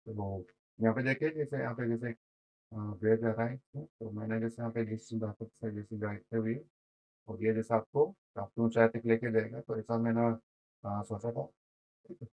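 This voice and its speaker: A hoarse man giving a casual screen-share web design tutorial, rambling with lots of fillers and frequent "okay?" check-ins. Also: fairly low pitch, fairly even intonation, moderate pace, darkish tone, slight background noise, poor audio.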